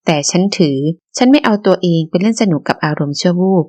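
A woman's voice: fairly low pitch, animated, quick pace, a little mellow, close to an everyday voice. A woman voicing a proud, blunt female university student who speaks with cool self-assurance. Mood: cool, frank.

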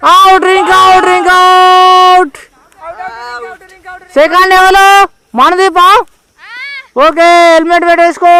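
A man's voice: very high-pitched, sharp tone. A man with a Telangana Telugu accent giving informal, exclamatory ball-by-ball cricket commentary, often repeating his calls.

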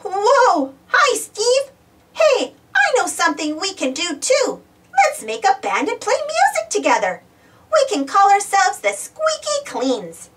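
A woman's voice: very high-pitched, huge pitch swings, measured pace, a bit bright, recorded from a distance, voice pushed up, full character voice. A woman voicing a cheerful, eager talking bar of soap in a children's storybook, exclaiming with enthusiasm. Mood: excited, eager. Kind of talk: children's storybook read-aloud.

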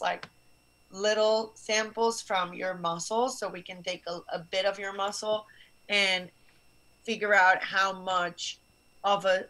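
Calling in by webcam from a small office, a young woman from Barcelona, Spain, serves as guest scientist and earnestly explains science to students, gesturing while she speaks. She has a mid-range voice that sounds pushed and bright.

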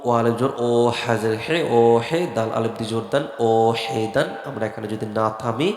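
A man teaching Quran recitation, spelling out each letter and vowel mark and then chanting the words slowly. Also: mid-range voice. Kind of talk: slow spelling-out recitation lesson. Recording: echoey room with long reverb and faint music.

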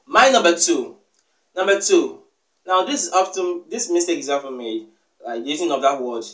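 A man's voice: fairly high pitch, fairly bright tone. A man giving a casual English lesson, repeating each correction with emphatic "yes" and "okay" asides. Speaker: English teacher. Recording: echoey room, voice from far off the mic.

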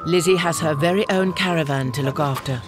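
A man's voice: on the high side, a little fast. A man reading scripted documentary narration as a voice-over. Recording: voice-over over music and crowd.

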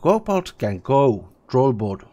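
A man's voice: medium pitch, sing-song, slow pace, muffled recording. A man voicing a big brutish male troll guard who talks in broken, simple phrases. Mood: gruff. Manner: broken simple speech, read aloud loudly.

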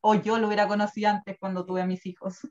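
A woman in her thirties with a Chilean Spanish accent, chatting casually as a guest who presents wellness products. She talks in an animated, chatty way and laughs often. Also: medium pitch, fast talker. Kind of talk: casual chat. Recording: dull lo-fi recording.

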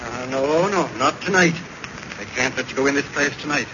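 A man's voice: medium pitch, moderate pace, close to an everyday voice. A man playing a jittery, fearful old stage doorman with a menacing side in a 1940s radio drama. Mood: nervous, fearful. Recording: dull, noisy 1940s radio recording.

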